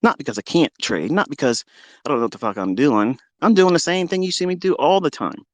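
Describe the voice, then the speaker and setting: A man ranting as a trading mentor on a live audio call, boastful and full of swearing, taunting his challengers and swinging between loud jabs and low asides. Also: animated, a little fast, dry recording. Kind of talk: combative live-audio rant.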